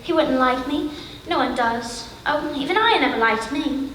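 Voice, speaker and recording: Brief: woman as wistful lonely girl, high voice, echoey stage from afar. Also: lively intonation, moderate pace, a bit bright, a little hiss or hum. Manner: wistful, sulky. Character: lonely, sulky young girl. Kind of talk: live stage acting. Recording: echoey theater, mic far off.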